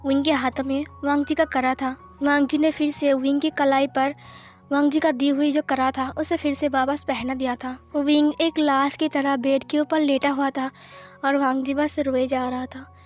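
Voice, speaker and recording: Woman narrator, high voice, plain scene-by-scene retelling, fan-fiction story. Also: little pitch movement, moderate pace, faint music behind.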